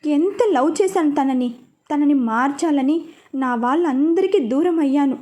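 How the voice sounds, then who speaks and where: A woman's voice: sits high, measured pace, warm tone. A woman voicing a heartbroken young wife who speaks while crying. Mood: despairing.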